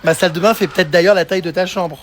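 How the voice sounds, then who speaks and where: A man's voice: high-pitched, steady tone, racing, slight background noise. Chatty, teasing French man vlogging. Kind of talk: travel vlog narration.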